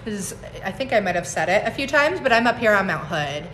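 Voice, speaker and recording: A woman's voice: mid-range voice, big pitch swings, a little fast, a bit bright, a little hiss or hum. A woman in her forties, a herbalist, chatting casually on a phone livestream, laughing often and greeting viewers by name. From United States. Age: 40s. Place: home on a mountain, indoors.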